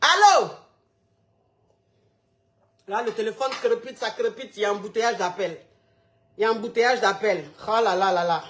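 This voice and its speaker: A woman hosting a live call-in advice show, exclamatory and lively, scolding callers to speak up. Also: mid-range voice, normal speed, pauses often. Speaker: radio call-in advice host.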